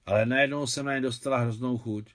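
A man reading the lines of a gentle, wealthy woman benefactor in a novel, softly and measuredly. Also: mid-range voice, steady tone, lightly acted. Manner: soft, measured.

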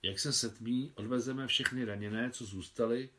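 A man's voice: mid-range voice, steady tone, a bit bright, lightly acted. A man reading as a hearty older officer. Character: older male officer, kindly veteran photographer.

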